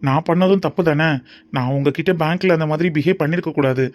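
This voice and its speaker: A man's voice: a little high, fast talker, close to an everyday voice. A man voicing an easygoing young man who jokes and reassures in a family cartoon. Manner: breezy, joking. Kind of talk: cartoon dub acting.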